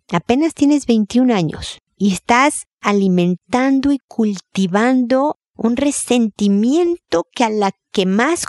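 A woman's voice: medium pitch, a little mellow, no room sound, clean studio sound. A woman hosting an advice show, talking straight to a listener in a direct and emphatic way. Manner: direct, emphatic, often repeats the listener's name.

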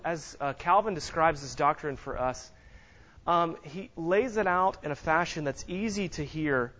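A visiting minister preaches a sermon with scripture reading in a church sanctuary, soft-spoken and halting, with frequent fillers and pauses. His voice is on the high side, and with no microphone he is picked up from a distance, so the audio sounds dull.

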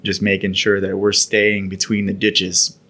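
A laid-back man spinning a long story from his service days. His voice sits fairly low, and he rambles along in an easy, conversational way. It has the feel of a podcast chat. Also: monotone, unhurried, pushed and bright, husky. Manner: laid-back, rambling, laughs while telling. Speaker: podcast co-host recounting military service. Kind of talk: casual storytelling.

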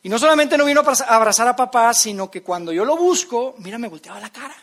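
A man's voice: extremely high pitch, expressive, fast talker, a bit bright. Earnest man preaching a sermon. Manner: earnest storytelling, addresses audience directly.

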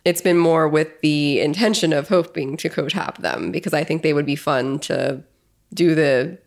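A woman co-hosting a podcast, explaining things in a lively, casual way. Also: deep voice, moderate pace, gravelly. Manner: lively and explanatory, reads listener questions. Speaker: podcast co-host.

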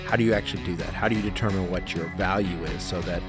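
A man hosting a casual podcast from the front room of his house, relaxed and jokey. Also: low voice, quick pace, music in the background. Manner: relaxed, jokey, laughs often. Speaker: podcast host.

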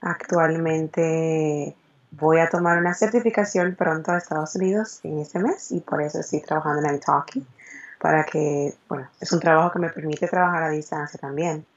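A woman's voice: low-pitched, normal speed, lo-fi sound. Cheerful Dominican woman in her twenties. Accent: Dominican Spanish. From Dominican Republic. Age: 20s. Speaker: interview guest. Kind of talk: casual interview answers.

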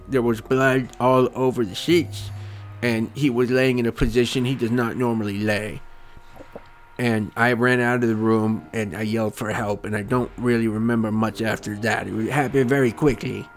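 A man playing a dutiful, shaken gnome servant in a tabletop game, recounting in a measured, hesitant way. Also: medium pitch, steady tone, a little hiss or hum, lightly acted. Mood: shaken, earnest. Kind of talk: tabletop role-play character voice.

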